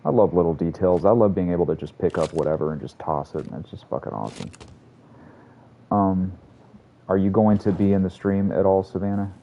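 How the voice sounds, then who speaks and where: A man's voice: sits low, animated, a little fast, vocal fry, dull audio, a little hiss or hum. A man streaming a video game, rambling and swearing casually as he talks to his chat. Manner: rambling, profane, chatty. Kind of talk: casual gameplay commentary to a live chat.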